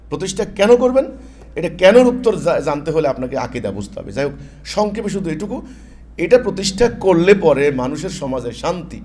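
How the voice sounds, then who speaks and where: Male preacher, emphatic sermon, slightly high voice, repeats himself, faint hiss behind. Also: darkish tone. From Bangladesh. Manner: emphatic, repeats phrases, mixes in English words. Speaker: Islamic preacher. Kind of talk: sermon-style religious talk.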